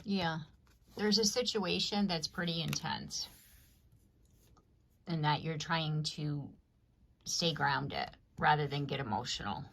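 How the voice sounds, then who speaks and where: A woman's voice: sits low, slow pace, gravelly, long pauses, fairly bright tone. A woman reading tarot cards for an audience in a rambling, conversational way, often checking in with "you know what I mean.". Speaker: tarot reader. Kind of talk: casual collective tarot reading to camera.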